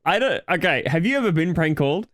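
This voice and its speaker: A man's voice: fairly high pitch, very animated, fast, fairly bright tone, no echo, clean studio sound. A young man co-hosting a podcast, blunt and teasing, swearing freely in casual chat. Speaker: podcast co-host.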